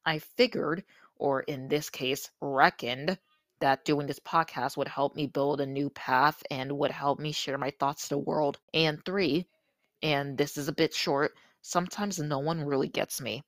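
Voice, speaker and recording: An eighteen-year-old podcast host talking casually in a slightly crusty, somewhat monotone voice, recorded with earbuds used as a microphone. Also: mid-range voice, unhurried, dry recording. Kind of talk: casual solo podcast talk.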